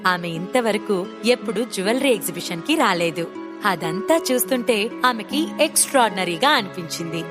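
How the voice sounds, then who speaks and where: A woman narrating a scripted audio story in a steady storytelling manner. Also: medium pitch.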